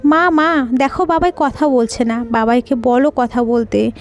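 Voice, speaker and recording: A tearful little girl pleads with her father in an audio story, high-pitched and begging, voiced by a woman narrator. Her words come in soft, broken appeals. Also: normal speed, natural voice. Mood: pleading tearful.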